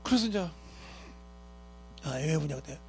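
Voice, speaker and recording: A man's voice: fairly high pitch, animated, measured pace, vocal fry, a little mellow, soft background music. A man preaching a sermon as pastor, emphatic and scolding, who keeps asking his congregation rhetorical questions. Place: church sanctuary.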